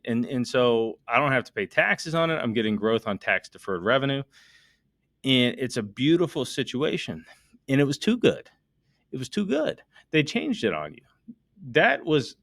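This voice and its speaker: A man's voice: lowish voice, no room sound, clean studio sound. A middle-aged American man, an estate planning attorney, explaining a topic to listeners in an emphatic monologue full of rhetorical questions. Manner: emphatic, talks directly to listeners; works through numbers out loud, rhetorical questions.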